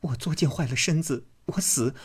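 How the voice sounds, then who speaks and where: A man voicing a sulky, sharp-tongued young noblewoman in a storybook reading, with cold, sniping retorts. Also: mid-range voice, big pitch swings, unhurried, breathy edge, voice pushed up. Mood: peevish.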